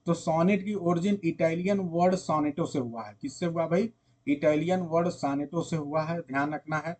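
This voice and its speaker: Guy teaching a lit class online, kinda high voice, keeps repeating stuff n asking the class questions. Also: normal speed, a little mellow. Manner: explains patiently, repeats points, quizzes students with rhetorical questions. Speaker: literature teacher. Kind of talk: online exam-prep lecture.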